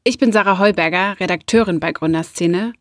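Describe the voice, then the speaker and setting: A woman's voice: on the low side, a little fast, no room sound. Woman podcast host, dry close sound. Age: 30s. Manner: friendly, conversational questions. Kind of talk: podcast interview.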